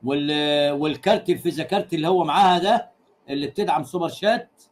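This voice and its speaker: A man's voice: on the high side, fast talker. A man with an Egyptian accent hosting a livestream, chatting casually and crudely, teasing his viewers, repeating his punchlines and laughing often. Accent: Egyptian Arabic. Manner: laughs often while talking. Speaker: livestream host.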